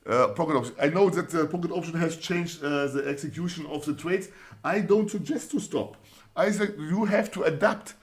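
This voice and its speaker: A man with a German accent hosting a trading channel, reading viewer comments in casual, encouraging talk full of fillers and restarts. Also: on the high side. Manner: halting, many fillers and restarts, repeats set phrases; upbeat, encouraging.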